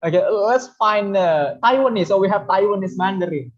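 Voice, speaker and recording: An English teacher runs an online webinar demo in a casual, chatty way, full of fillers. The voice sits at a middle pitch. The audio is dull and lo-fi, like a typical webinar call. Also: animated, normal speed. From Indonesia.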